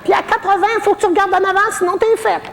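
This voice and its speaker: Brief: a woman doing a saucy old Québécois granny in a nursing home, very high, gravelly voice, long hall echo. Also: steady tone, fast, heavy background noise. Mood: cheeky. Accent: Québécois French. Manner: saucy, gossipy, self-mocking jokes. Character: cheeky, bawdy old woman living in a retirement home. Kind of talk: stand-up comedy character monologue.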